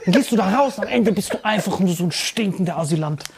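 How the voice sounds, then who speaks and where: A man telling a story in a casual podcast chat, animated and full of swearing and mocking impressions. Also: high voice, vocal fry, slight background noise. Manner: fast bursts, often laughing.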